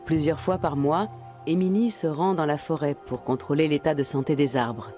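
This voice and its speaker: A woman reading scripted documentary narration in a measured, even way. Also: low voice, faint music behind.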